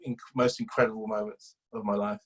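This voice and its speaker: A man's voice: lowish voice, level tone, brisk, fairly bright tone, slightly rough, poor audio. A man, a campaigner telling a long chatty story in an interview, rambling with fillers and restarts. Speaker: guest, animal welfare campaigner.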